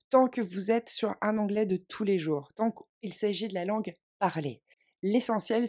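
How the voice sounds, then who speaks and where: A woman teaching an online language lesson, speaking in a clear, measured, reassuring way and stressing key phrases. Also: on the low side, a little mellow. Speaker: English teacher.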